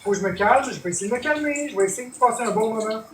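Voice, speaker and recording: A man's voice: high voice, expressive, very fast, echoey room, a little hiss or hum. Québécois guy streaming, mad and swearing at his chat, ranting hard. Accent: Québécois French. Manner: heated, swearing, addresses chat directly. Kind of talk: angry livestream rant.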